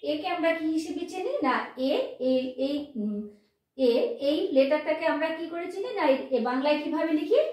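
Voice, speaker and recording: Woman, teacher, high voice, asks and answers own questions, strong room echo. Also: darkish tone. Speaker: English teacher. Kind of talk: explaining lesson. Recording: very echoey room.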